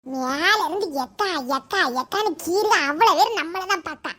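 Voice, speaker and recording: A cranky old cartoon grandmother, as a woman puts her on, grumbling and scolding. Her voice is pitched up very high and squeaky. She talks as if she is always short of breath. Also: expressive, normal speed, pushed and bright, heavily acted. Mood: complaining. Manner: scolding, complaining.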